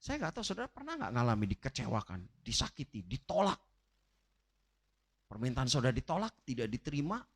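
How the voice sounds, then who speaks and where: A man's voice: medium pitch, wildly swooping pitch, a little fast, husky. A man preaching a sermon with an emphatic, rising and falling delivery, often turning directly to his congregation. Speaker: pastor. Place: church livestream.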